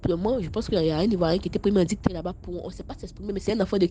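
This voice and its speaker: A young woman with an Ivorian French accent tells her own story in a casual spoken voice message, stammering and repeating words, animated and scolding. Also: fairly low pitch, racing, slight background noise.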